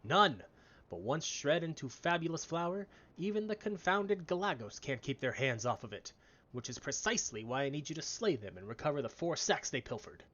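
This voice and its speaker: A man voicing a theatrical game miller who gloats like a villain with slow, grand menace. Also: on the high side, expressive, a bit bright, highs cut off, pitched above the performer's own voice. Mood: grandiose, scheming.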